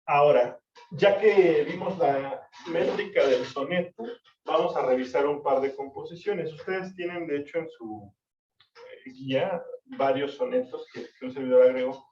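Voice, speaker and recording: Guy teaching poetry meter, slow and careful, echoey far-off dull mic. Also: fairly high pitch, a little mellow. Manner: slow, deliberate syllable counting with checks for understanding. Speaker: literature teacher. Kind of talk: online class lecture.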